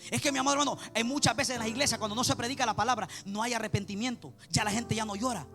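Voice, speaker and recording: A man delivers a fervent sermon in a very high, gravelly voice. He talks fast and keeps circling back to the same phrases, addressing his listeners as beloved brothers. Faint music plays under him. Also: fairly even intonation, pushed and bright. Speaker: preacher.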